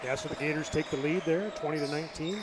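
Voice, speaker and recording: A man giving relaxed, conversational color commentary at a live high school basketball game. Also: fast talker, very noisy.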